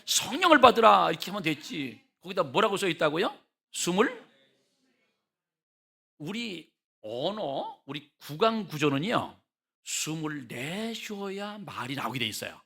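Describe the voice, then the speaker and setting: Male pastor, revival sermon, high gravelly voice, emphatic rhetorical questions. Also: big pitch swings, measured pace, long pauses, a bit bright. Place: church.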